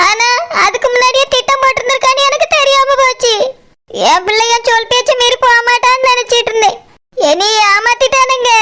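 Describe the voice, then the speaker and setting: A woman's voice: extremely high pitch, pushed and bright. Woman voicing a wailing village mother. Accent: Tirunelveli Tamil. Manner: tearful, wailing lament, defiant. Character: grieving stubborn middle-aged village mother. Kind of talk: cartoon voice acting.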